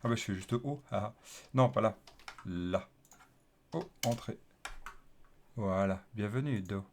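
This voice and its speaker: A man with a low, gravelly voice walks through code in a relaxed screencast tutorial, muttering to himself and filling pauses as he types. Keyboard clicks sit behind him over a faint hiss. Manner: thinks aloud while typing, many fillers and repeated okays. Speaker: developer teaching coding. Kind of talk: casual screencast coding tutorial. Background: keyboard typing and clicks.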